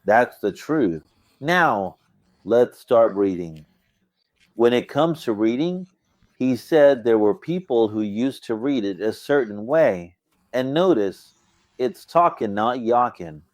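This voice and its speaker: A man's voice: medium pitch, lively intonation, slow pace, darkish tone, dry recording. A man reading and explaining scripture verses, asking rhetorical questions and answering them himself. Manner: explanatory, asks and answers his own questions. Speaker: Quran commentary teacher.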